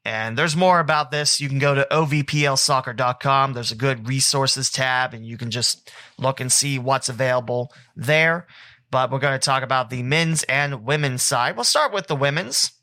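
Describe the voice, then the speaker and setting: A man hosting a solo sports podcast, reading through teams and scores in a casual, rambling way with quick self-corrections. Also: mid-range voice, sharp tone. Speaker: podcast host.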